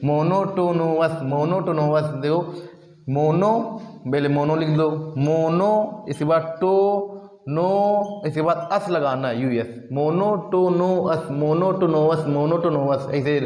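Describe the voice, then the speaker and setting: A man teaching exam vocabulary, spelling English words letter by letter and repeating them in a drawn-out, sing-song chant. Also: on the high side, a little mellow. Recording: echoey room with long reverb.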